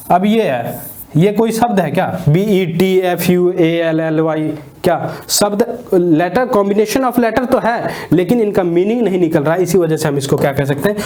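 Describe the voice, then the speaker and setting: A man's voice: fairly high pitch, darkish tone. A man teaching an English class. He asks the class questions, answers them himself, and repeats key points often. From India. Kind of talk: classroom lecture. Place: classroom, standing.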